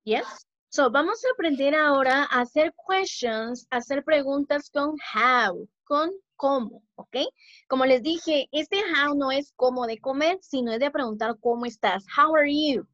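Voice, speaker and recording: A woman teacher talks slowly and patiently to young children on a video call, repeating each word and praising her pupils. Her voice sits high, and the call audio sounds dull and muffled. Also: a bit bright, no echo. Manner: slow, clear and encouraging, repeating words and praising pupils. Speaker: English teacher. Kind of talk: bilingual online class for young children.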